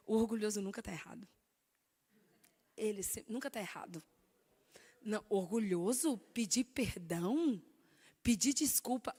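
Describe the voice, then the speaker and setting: A woman with a Brazilian Portuguese accent giving an animated, emphatic talk on stage, sharing her own story. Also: mid-range voice. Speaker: speaker sharing testimony. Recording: long hall reverb.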